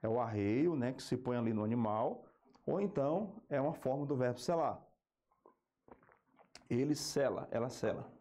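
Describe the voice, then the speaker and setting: A Brazilian man teaching an exam-prep grammar lesson, slowing down to spell out key terms and checking in with a quick "ok?" between points. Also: medium pitch, animated, warm tone. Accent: Brazilian Portuguese.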